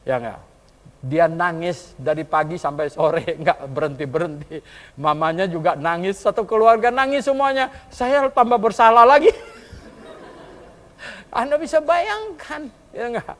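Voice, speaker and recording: A male pastor preaching a sermon in a colloquial style. He tells a story and often chuckles, and he swings between quiet asides and loud calls to the congregation. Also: high-pitched, lively intonation, unhurried. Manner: colloquial, chuckles while telling stories.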